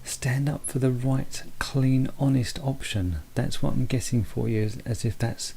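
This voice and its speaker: A man giving a halting, personal psychic reading, speaking quietly close to the mic as if others are asleep in the house. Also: mid-range voice, steady tone, vocal fry, slight background noise. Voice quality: hushed, quiet late-night voice. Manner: speaking quietly so as not to wake sleepers; halting, repeats and rephrases phrases. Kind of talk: unscripted one-to-one spoken reading. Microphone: very close to the mouth.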